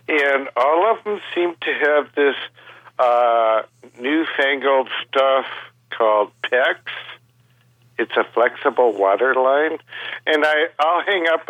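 A man calling in to a radio show over the phone, asking his question in a hesitant, halting way. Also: medium pitch, dry recording. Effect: heard over the phone. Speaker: radio call-in caller. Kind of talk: casual call-in question. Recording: dull muffled phone line.

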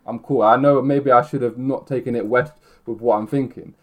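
A man's voice: mid-range voice, steady tone, a little fast. A man in his twenties with a London roadman accent, chatting casually in heavy slang and often rambling and cutting himself off. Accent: London roadman, multicultural London slang. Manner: slangy, rambling, self-interrupting. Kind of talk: casual chat.

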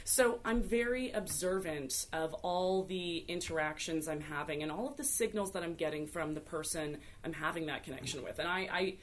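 A woman's voice: deep voice, slight background noise. A woman in her thirties, a guest on a podcast, talking boldly and flirtatiously in casual chat. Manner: bold, animated and flirtatious. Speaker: guest, TV host.

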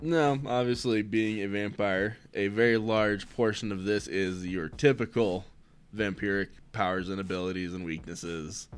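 A man's voice: lowish voice, fairly even intonation, normal speed, smooth. A young adult man co-hosting a casual podcast, adding joking asides with chuckles. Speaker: podcast co-host. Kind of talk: casual chat.

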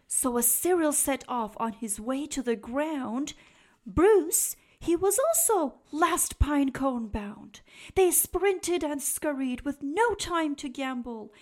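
Slow, expressive woman reading a storybook. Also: a little high. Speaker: storybook reader. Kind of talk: reading a rhyming children's book aloud.

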